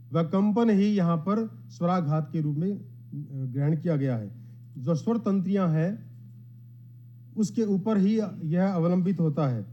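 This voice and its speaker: Measured man giving a formal lecture. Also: high voice. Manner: measured, explanatory, quotes Sanskrit verses; modest, addresses the gathering. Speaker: academic speaker at a conference. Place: conference hall. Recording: dull lo-fi sound.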